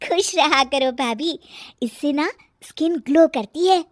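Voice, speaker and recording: A woman's voice: sits high, measured pace, no room sound, clean studio sound, voice pushed up. A woman voicing a cheeky, easygoing young sister-in-law who teases in a breezy way. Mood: teasing. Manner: teasing, breezy.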